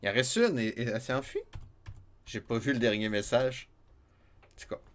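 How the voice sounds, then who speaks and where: In a casual let's-play, a man speaking Québécois-accented French chats with his viewers over a retro game, joking, laughing frequently, and reading the chat out loud. His voice is medium-pitched, expressive, and fairly bright, at a normal speed.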